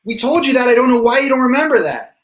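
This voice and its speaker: A man improviser playing a scene, animated and playful in character. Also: very high-pitched, fast talker. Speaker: improv player.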